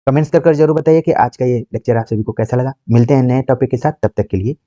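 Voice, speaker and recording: A man's voice: medium pitch, fast talker, mellow, no echo, muffled recording. Patient male Hindi grammar teacher. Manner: patient, repeats examples, rhetorical questions. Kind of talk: exam-prep grammar lecture.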